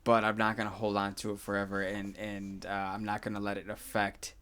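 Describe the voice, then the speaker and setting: A man's voice: fairly low pitch, completely flat delivery, fairly quick, fairly bright tone, clear, resonant tone. A man in his thirties hosting a podcast, talking in a reflective, earnest way with many "like"s and "you know what I mean"s. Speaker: podcast host. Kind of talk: casual podcast conversation.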